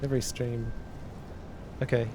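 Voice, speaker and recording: A steady low rumble sits beneath this recording of a man on a live stream in a cold indoor room. Speaking at a middle pitch, he reads chat and thinks aloud through math problems, halting and repeating himself.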